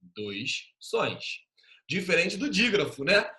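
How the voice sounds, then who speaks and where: A man's voice: sits high, very animated, bright, forceful tone. A male teacher giving an online class over a video call, patiently sounding out letters and syllables. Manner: patient, drawn-out spelling of sounds.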